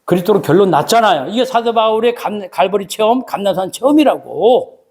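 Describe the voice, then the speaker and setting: A man preaching a sermon as pastor, telling the story with lively acted-out voices and calling for amens from the congregation. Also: sits high, brisk. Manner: animated storytelling, acts out voices of biblical figures.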